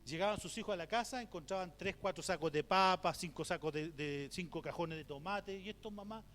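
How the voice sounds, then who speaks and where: Slightly high, slightly fast, and a bit bright, this is the voice of a middle-aged pastor with a Chilean accent. Teaching at a church conference, he tells stories and throws out rhetorical questions, giving voice to the people he quotes. The hall is reverberant, with a faint hum underneath.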